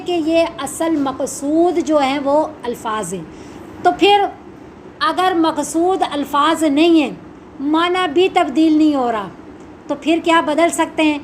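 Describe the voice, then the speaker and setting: A woman's voice: high voice, slight background noise. A woman Quran teacher explaining a religious lesson, asking and answering her own questions. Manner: slow, measured recitation of Arabic supplications.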